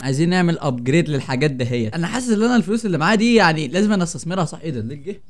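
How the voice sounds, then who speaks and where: A man's voice: a little high, sing-song, racing. A young man with an Egyptian accent, joking and getting startled while he plays a horror game for his viewers. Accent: Egyptian Arabic. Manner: jokey, easily startled, chatty with viewers. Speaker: gaming channel host. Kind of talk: horror game let's play commentary.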